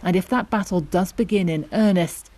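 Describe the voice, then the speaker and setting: A woman's voice: fairly low pitch, normal speed, mellow. A woman narrating a scripted news report as a correspondent.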